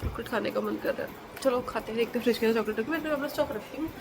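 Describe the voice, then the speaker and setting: A young woman, sick with a blocked nose, chatting casually in a home vlog and scolding loudly at times. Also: fairly high pitch, racing, noisy background. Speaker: vlogger. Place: at home, indoors.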